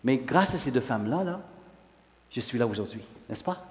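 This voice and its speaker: A man in his sixties from Western Canada, a pastor whose first language is English, giving an animated sermon testimony full of "là" fillers. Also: mid-range voice, normal speed. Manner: animated, rising in emphasis, frequent "là" fillers. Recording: long hall reverb.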